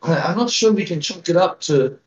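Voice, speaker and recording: A tiny, very old woman played by a man speaks as a worried, welcoming village elder in a tabletop game. The voice is lifted high, halting and pleading, heard a little off-mic in a roomy, dull recording. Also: expressive, distant mic, close to an everyday voice. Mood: grave, concerned. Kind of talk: in-character tabletop game role-play.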